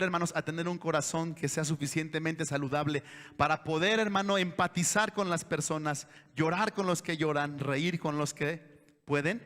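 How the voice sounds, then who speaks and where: A fairly high-voiced man preaches an earnest sermon, pleading with his congregation and tossing them rhetorical questions. His voice carries a long reverb from a church hall. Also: fairly bright tone. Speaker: pastor. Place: church sanctuary.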